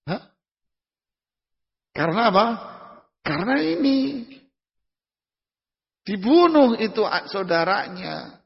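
High, gravelly male preacher in a hall. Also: sing-song, slow pace, long pauses. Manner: asks the audience questions and answers them himself; uses everyday examples in casual speech. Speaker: Islamic preacher. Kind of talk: conversational religious lecture. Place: lecture hall. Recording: dull lo-fi recording in a reverberant hall.

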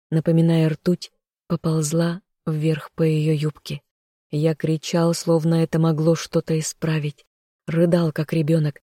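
An audiobook narrator reading a dramatic first-person fantasy story in a steady, even way. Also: mid-range voice, no echo, clean studio sound.

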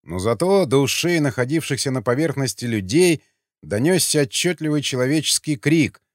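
A man's voice: medium pitch, animated, moderate pace, dry recording, clean studio sound. Dramatic male audiobook narrator.

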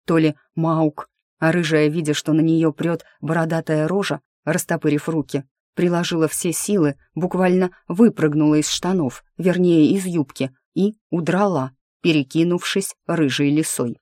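A woman reading a first-person fantasy audiobook in a lively, wry storytelling manner. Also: deep voice, moderate pace, no echo, clean studio sound. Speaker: audiobook narrator. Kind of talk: scripted fantasy narration.

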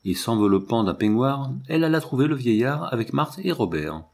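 A man narrating a novel as an audiobook reading, in a measured literary way. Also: mid-range voice, big pitch swings, a little mellow.

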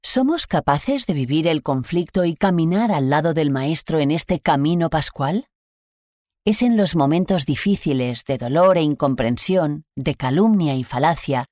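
A reader with a Spain Spanish accent, slowly and solemnly reading a Gospel passage and a reflection on it. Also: medium pitch, darkish tone, no echo, studio quality. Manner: measured, solemn, deliberate phrasing. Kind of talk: scripted liturgical reading.

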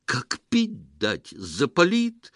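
A man voicing a grumpy unshaven rural man who shouts in agitated, high-pitched outbursts. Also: very animated, slow pace, no room sound, studio quality. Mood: alarmed.

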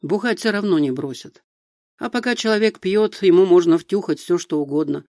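A man's voice: high-pitched, moderate pace, darkish tone, no echo, studio quality. A man reading a big skeptical joker. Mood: mocking. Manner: wry, skeptical.

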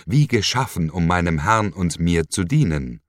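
A man's voice: deep voice, expressive, normal speed, dry recording, studio quality. A man voicing a mocking, menacing villain who sneers and hisses, in an audiobook reading. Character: mocking sinister man, cold cult leader.

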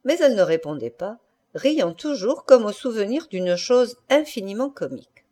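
A woman reading a classic short story aloud as an audiobook narrator, in an expressive literary style. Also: mid-range voice, moderate pace. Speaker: audiobook reader. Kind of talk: scripted narration.

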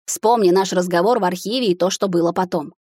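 A woman voicing a determined young male corporate leader who speaks in a calm, dry, teasing way. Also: lowish voice, fairly quick, dry recording, close to an everyday voice. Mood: weary.

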